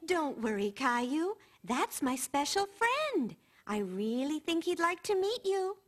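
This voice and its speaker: A woman voicing a patient cartoon grandmother who gently coaxes and reassures a frightened child. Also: high voice, big pitch swings, unhurried, exaggerated voice. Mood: reassuring. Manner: soothing, coaxing, reassuring. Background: music.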